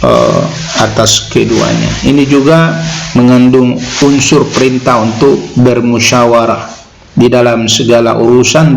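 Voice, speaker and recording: A man of ordinary middle pitch lectures on religious ethics at a steady, unhurried pace. He often tags his phrases with a soft "ya" and slows right down to chant Arabic scripture. Faint hiss sits under the recording. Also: vocal fry, poor audio. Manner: unhurried, recites Quranic Arabic verses slowly, frequent "ya" tags. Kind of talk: Islamic teaching talk.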